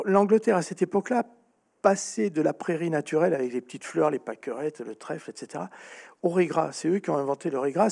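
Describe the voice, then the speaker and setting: A man speaking as a guest author in an interview, explaining at length with animated storytelling and frequent restarts. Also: sits high, gravelly, husky.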